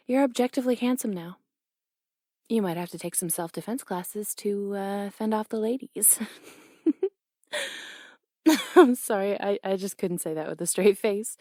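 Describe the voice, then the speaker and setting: A young woman voicing a brash, teasing tomboy boxing coach in an audio role-play, blunt and quick to laugh. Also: medium pitch, a little mellow, no echo, clean studio sound.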